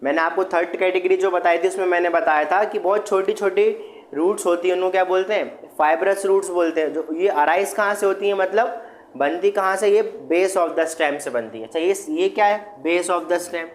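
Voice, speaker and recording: A man's voice: sits high, normal speed. A male teacher giving an online class, who asks his students questions and answers them himself and mixes English terms into his explanations.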